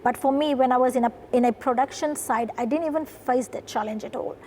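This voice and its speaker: Telling her story in a studio interview, a woman from Fiji who founded a production company speaks fairly quickly in a high, slightly mellow voice. She comes across as earnest and keeps adding "right?". Slight background noise can be heard.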